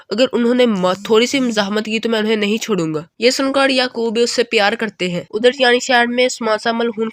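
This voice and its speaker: A woman retelling a drama episode in steady storytelling, reading the characters' quoted lines in her own voice. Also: fairly high pitch, no echo, studio quality. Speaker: episode recap narrator.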